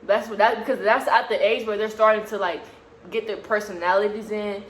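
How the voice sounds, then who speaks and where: Young woman vlog co-host, mid-pitched, earnest and repetitive, echoey room. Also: steady tone, a little fast. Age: early 20s. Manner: earnest, insistent, stumbling restarts. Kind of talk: casual argument on camera. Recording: echoey room with faint hiss.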